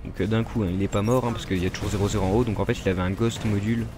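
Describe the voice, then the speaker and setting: A man's voice: lowish voice, steady tone, rapid-fire, noisy background. A man with a French accent giving casual, rambling gameplay commentary, full of fillers and asides to his viewers. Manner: rambling, filler-heavy, addresses viewers directly. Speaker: gaming YouTuber.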